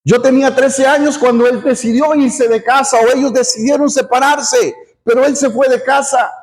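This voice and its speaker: A middle-aged man preaches from the pulpit in a strikingly high voice. His delivery is earnest, circling back on words and adding an amen as he makes his point. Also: fairly even intonation, normal speed. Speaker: pastor. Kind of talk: sermon.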